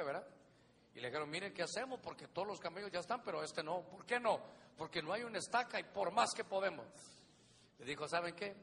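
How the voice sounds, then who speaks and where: Man, pastor's sermon, high lively voice, bright tone, reverberant church hall, faint background hum. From Honduras. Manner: emphatic preaching, often says "hermano", acts out voices in stories.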